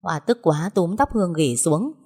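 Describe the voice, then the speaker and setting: A woman storyteller reading a family drama in a steady, dramatic way. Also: lowish voice, moderate pace, slightly rough. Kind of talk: scripted narration of a family drama.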